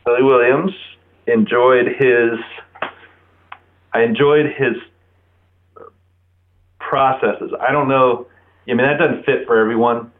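A man's voice: medium pitch, steady tone, slow pace, long pauses. A man in his forties from Florida, talking casually as a guest on a telephone line. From Florida, United States. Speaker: interview guest. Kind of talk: casual chat. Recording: narrow-band telephone line.

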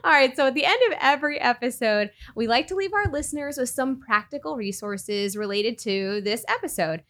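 A woman co-hosting a podcast in casual chat, bubbly and quick to laugh. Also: high-pitched, expressive, a bit bright. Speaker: podcast co-host.

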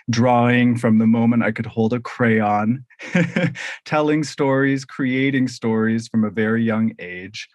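A man's voice: mid-range voice, dry recording. A man from Canada in his thirties, a guest in an interview, talking in an upbeat, joking way and laughing often. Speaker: guest, visual artist. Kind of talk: conversational interview.

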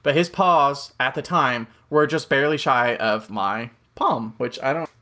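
Male podcast co-host, mid-pitched, rambling storyteller with jokey tangents. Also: measured pace, pushed and bright. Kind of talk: casual chat.

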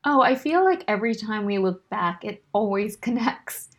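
A woman's voice: medium pitch, lively intonation, moderate pace. A woman hosting an interview, asking questions in a friendly, conversational way over a video call. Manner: friendly, conversational, relatable asides. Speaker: podcast host. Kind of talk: casual interview.

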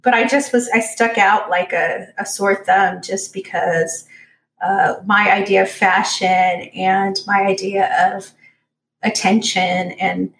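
Woman, forties, mid-pitched, halting reflective storyteller, roomy echo. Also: fairly even intonation, gravelly, fairly bright tone. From Orange County, California. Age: 40s. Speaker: podcast co-host. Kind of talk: casual chat.

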